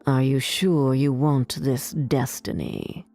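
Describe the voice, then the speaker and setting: Wicked old sea witch for a storybook reading, deep dark drawl, slow and cold, put on by a woman. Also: steady tone, faint music behind, heavily acted. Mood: warning. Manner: slow, low and threatening.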